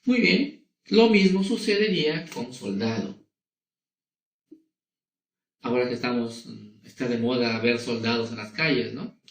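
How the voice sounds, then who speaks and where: A male teacher giving a slow, patient lesson to children, often checking that they follow. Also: mid-range voice, animated, reverberant, recorded from a distance, a little hiss or hum. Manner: slow and patient, asking many rhetorical questions. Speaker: schoolteacher. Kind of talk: recorded classroom lesson for children.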